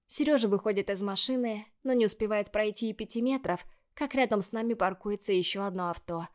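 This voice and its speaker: Woman narrating an audiobook. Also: mid-range voice. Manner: measured, expressive reading. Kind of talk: first-person scripted narration.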